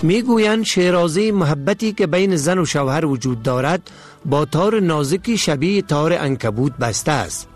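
A man giving a measured, formal scripted radio narration. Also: on the high side, expressive, soft background music.

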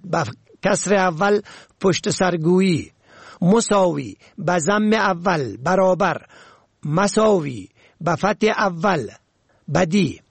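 High, gravelly-voiced male language presenter. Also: no echo. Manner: measured, listing words with their pronunciations one by one. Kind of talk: scripted instructional reading.

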